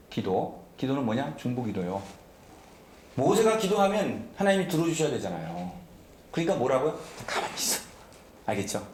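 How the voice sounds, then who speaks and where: A man's voice: mid-range voice, a little mellow, reverberant, a little hiss or hum. A man preaching a sermon as pastor, emphatic and often asking the congregation questions. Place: church sanctuary.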